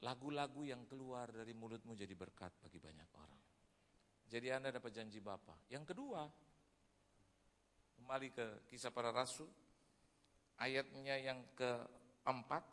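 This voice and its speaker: A man's voice: medium pitch, unhurried, pauses often. A male pastor giving a humorous sermon, telling a story to the congregation and acting out the other people in it. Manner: lively storytelling that acts out other people's voices; humorous and chatty, addressing the congregation as "saudara". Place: church hall. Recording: long reverb of a large hall.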